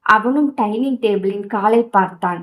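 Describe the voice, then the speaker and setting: A woman narrating a romance audio novel with steady storytelling. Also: medium pitch, normal speed, poor audio.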